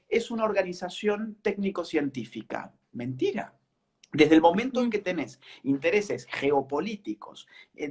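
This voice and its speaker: A man's voice: high-pitched, breathy edge. A man with an Argentine accent making an emphatic, argumentative case in conversation, punctuating points with short dismissive words. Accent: Argentine Spanish. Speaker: political commentator. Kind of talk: conversational debate.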